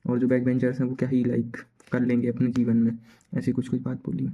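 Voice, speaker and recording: Young man, gravelly voice, dark tone, casual slangy storytelling. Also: medium pitch, completely flat delivery, fast talker, dull audio. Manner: chatty slangy retelling with quoted dialogue.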